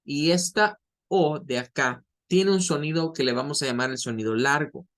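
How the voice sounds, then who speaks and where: A man's voice: a little high, a bit bright. Man teaching pronunciation, repeating sounds. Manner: explains slowly, repeats model sounds aloud. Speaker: English teacher. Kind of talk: online pronunciation lesson.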